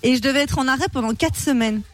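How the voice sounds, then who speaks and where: A woman's voice: high-pitched, fast talker. A woman in casual slangy chat with a flippant, joking manner.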